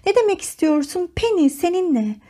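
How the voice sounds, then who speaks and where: A woman reading an audiobook, voicing an exasperated, worn-out middle-aged mother with a sharp, scolding manner. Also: high voice, normal speed. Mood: frightened.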